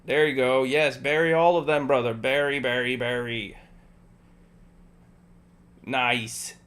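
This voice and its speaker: In a casual gameplay stream, a man walks his friend through each step, patiently repeating directions and filling the gaps with jokes and laughter. He takes it slowly, keeping a steady, medium-pitched voice with a fairly bright tone.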